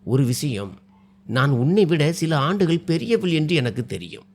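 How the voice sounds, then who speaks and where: A man voicing a widowed woman landowner who coaxes and teases gently, in a slightly lower tone than his narration. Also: sing-song, moderate pace, slight background noise. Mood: tender. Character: widowed woman landowner, older, teasing and affectionate. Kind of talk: storytelling dialogue.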